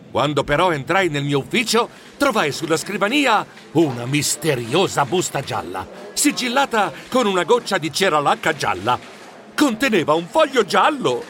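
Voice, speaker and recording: A man telling a children's story in the first person as a fussy mouse editor, with lots of expression. His voice sits high and sounds bright, and his pitch rises and falls a lot. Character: fussy male mouse newspaper editor, narrating. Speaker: narrator. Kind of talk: scripted audiobook narration.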